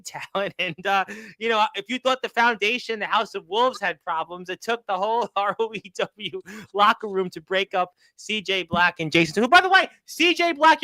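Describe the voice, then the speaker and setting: A chatty male host with a high, bright voice runs a casual wrestling talk show. He laughs often and calls out viewers from the chat. The sound is dry and close. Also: no room sound, rough recording. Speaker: podcast host.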